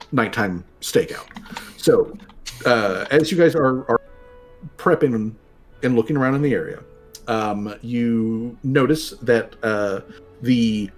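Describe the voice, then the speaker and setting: A man running a tabletop role-playing game as game master, narrating in a casual, halting and rambling way. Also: mid-range voice. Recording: music playing behind the voice. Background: background music.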